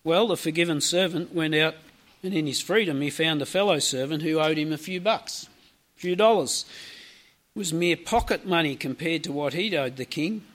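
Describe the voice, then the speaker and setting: A man with a high, light voice delivers a sermon. He retells a parable like a storyteller, dropping casual asides to his listeners along the way. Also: moderate pace, a bit bright. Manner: storytelling preacher, conversational asides. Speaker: preacher.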